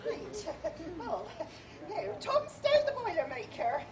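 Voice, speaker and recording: A very high, flustered woman, reading a director. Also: huge pitch swings, slow, a crowd in the background, exaggerated voice. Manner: flustered, eager, often laughing. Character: fussy woman directing amateur players. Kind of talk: amateur comic play reading.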